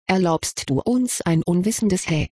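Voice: medium pitch, animated, measured pace, warm tone, slightly rough. Hot-tempered schoolgirl witch in a storybook, blunt and outspoken, read by the narrator. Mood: indignant. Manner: blunt and indignant. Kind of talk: audiobook reading.

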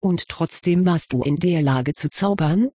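A reader voicing a curious, kindly male wizard professor in an audiobook, questioning gently with mild amusement. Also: medium pitch, a little slow, no room sound, natural voice. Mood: probing. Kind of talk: audiobook character reading.

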